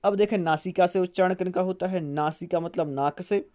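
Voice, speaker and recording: A teacher giving an exam-prep grammar lecture, asking and answering their own questions and repeating each rule slowly so students can memorize it. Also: mid-range voice, warm tone.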